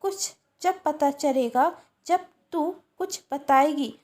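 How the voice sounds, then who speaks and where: Woman voicing a sharp, scheming elder sister. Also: high-pitched, takes it slowly.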